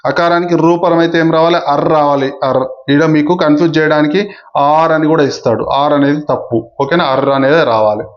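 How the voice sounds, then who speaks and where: A man's voice: on the high side, fairly quick, dull audio. A man teaching an exam-prep grammar lesson, repeating key points and checking in with listeners often. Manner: repetitive, asks "okay?" often.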